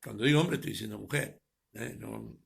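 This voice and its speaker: Gravelly-voiced man preaching with loud swells. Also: fairly low pitch, a little fast. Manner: swings between loud emphatic peaks and near-murmured trailing words. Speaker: pastor. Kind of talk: sermon. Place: preaching to an online audience.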